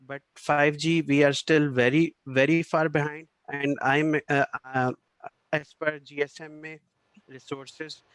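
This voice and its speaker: A man speaking at an online conference, hesitant and pausing often with fillers. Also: fairly high pitch, little pitch movement, fairly bright tone, clean tone, no room sound, rough recording.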